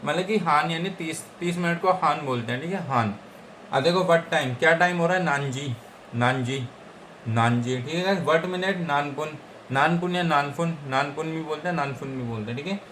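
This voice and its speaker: A man's voice: fairly high pitch, fairly quick, fairly bright tone, a little hiss or hum. A young man from India teaching a vocabulary lesson in a casual tutorial style, repeating each word and often checking in with his viewers. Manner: repeats words and keeps checking understanding with "okay guys?". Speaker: Japanese language teacher.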